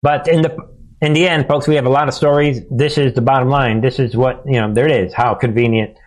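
A man hosting an informal political commentary, ranting to his followers in a conspiratorial, alarmist and mocking manner, in halting, broken phrases. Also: mid-range voice, fairly even intonation, rough recording. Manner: mocking, sarcastic, chuckling asides. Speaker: host of a political commentary show. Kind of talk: informal monologue news commentary.

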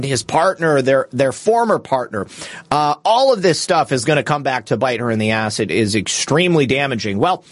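A slightly high male voice with no echo hosts a political livestream, delivering opinionated news commentary peppered with casual asides. His manner is scornful, indignant, and crudely humorous.

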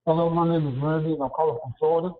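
A man's voice: fairly high pitch, fairly even intonation, racing. A man calling in to a radio show through a muffled Bluetooth headset that sounds as if he is in a tunnel or underwater. He talks briefly and insistently, repeating himself to be heard. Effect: muffled Bluetooth headset on a phone call, sounding like a tunnel or underwater. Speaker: caller. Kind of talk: call-in to a talk radio show. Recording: dull, dry phone-line sound.

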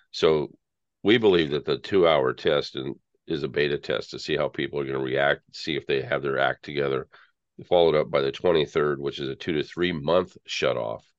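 A man's voice: extremely low pitch, no room sound. An American man giving conversational political commentary as an interview guest, in an earnest, rambling, conspiratorial rant. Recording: dull lo-fi audio.

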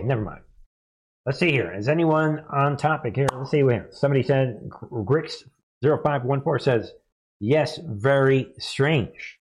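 A man's voice: mid-range voice, vocal fry. A man hosting a live news commentary stream, reading viewer comments and posts aloud in a hesitant, rambling way full of rhetorical questions. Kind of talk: casual livestream commentary, reading chat and posts.

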